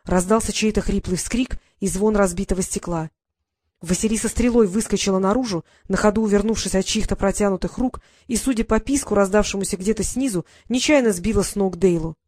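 Female audiobook reader, lively storytelling, dry close mic. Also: medium pitch, fairly quick, dry recording. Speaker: audiobook narrator. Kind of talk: scripted narration.

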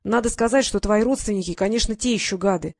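A woman's voice: medium pitch, fast talker, gravelly, darkish tone, no room sound, clean studio sound. A woman voicing an earnest, talkative teenage boy who explains things at length.

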